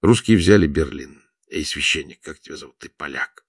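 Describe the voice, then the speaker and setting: A man's voice: very deep voice, moderate pace, vocal fry, no room sound, studio quality, exaggerated voice. A man voicing a tipsy, cheerful foreign pilot who teases and laughs. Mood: teasing.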